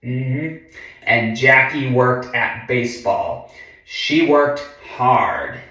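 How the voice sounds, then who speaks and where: A grown man reads aloud from a children's picture book in a mid-range voice with a bright, forceful tone. His pace is slow and careful, punctuated by casual asides and many quiet mm-hmms, captured far from the mic in a heavily echoing room.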